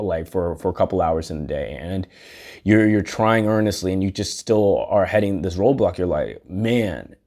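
A man's voice: low-pitched, darkish tone. A man hosting a podcast, talking in a casual, earnest, rambling monologue and swearing freely. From United States. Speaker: podcast host.

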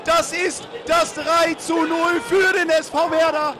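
A man shouting excitable live football commentary for radio. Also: extremely high pitch, takes it slowly. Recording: crowd noise behind.

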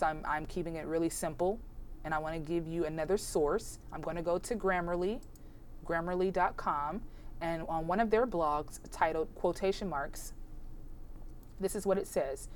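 A woman's voice: lowish voice, moderate pace, a little hiss or hum. A woman hosting an informal instructional podcast, chatty and encouraging, spelling examples out carefully, her voice strained from being sick. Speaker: podcast host teaching punctuation.

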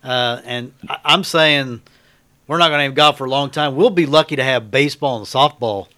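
Bright-voiced American man chatting on sports radio. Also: medium pitch, normal speed. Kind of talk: casual chat. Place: radio studio.

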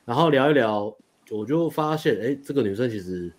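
This young man's mid-range voice has lively intonation as he recounts a story in relaxed chat. He's a dating coach, and his telling is rapid and rambling, with frequent laughs and fresh starts.

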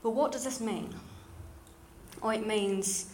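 A woman's voice: medium pitch, slow pace, a little mellow. A young woman from London with a modern British, slightly RP accent, giving an earnest, plain-spoken personal testimony talk to a church congregation. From London, England. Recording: clear background noise and room ambience.

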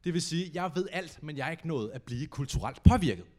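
A young man performing a stand-up comedy set on stage, telling stories animatedly and acting out quotes with sudden shouts. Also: on the high side. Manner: animated storytelling, acts out quotes with big shouts. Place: comedy stage before a live audience.

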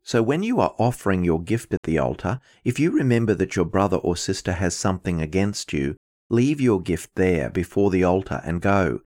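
A man reading the Gospel as a minister in a measured, formal, liturgical style. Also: sits low, big pitch swings, a little mellow.

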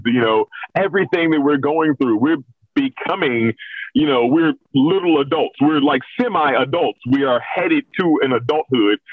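Speaking with a voice on the high side, this middle-aged American host of a children's story reading show gives a candid, casual interview full of self-deprecating humour. The audio is thin and phone-like, with no room sound.

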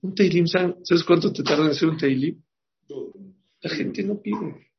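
A man's voice: on the high side, moderate pace. A man gives a sermon as a rabbi, acting out the dialogue of his stories with animation. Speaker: rabbi giving a talk. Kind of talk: storytelling sermon. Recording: dull lo-fi recording.

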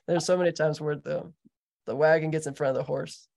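Gravelly American man hosting a podcast. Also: fairly high pitch, steady tone, fairly quick, darkish tone. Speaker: podcast host. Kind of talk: casual interview chat.

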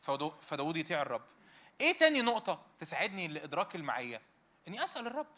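A man's voice: on the high side, racing. A man in his thirties or forties with an Egyptian Arabic accent, preaching a conversational sermon to a youth meeting and firing rhetorical questions at his listeners. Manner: animated, fires rhetorical questions at the audience.

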